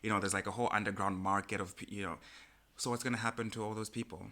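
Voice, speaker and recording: A man co-hosting a podcast in casual chat, who gets animated and jumps high in pitch when he quotes people. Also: quick pace. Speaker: podcast co-host.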